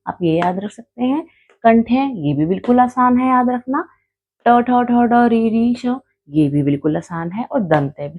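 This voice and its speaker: A woman's voice: on the high side, a little mellow, breathy edge. A woman teaching a Hindi grammar lesson, explaining patiently, sounding out letters one by one and checking in with her students. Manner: explains patiently, repeats letters aloud and checks in with "theek hai"; addresses students as "beta".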